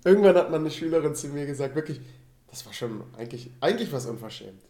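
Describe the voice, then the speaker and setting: A man's voice: fairly high pitch, animated, quick pace, dark tone. A man from the Rhineland with a Rhineland German accent, a teacher chatting casually as a podcast co-host and telling classroom anecdotes. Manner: chatty, laughs easily, tells classroom anecdotes. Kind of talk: casual chat. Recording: echoey room.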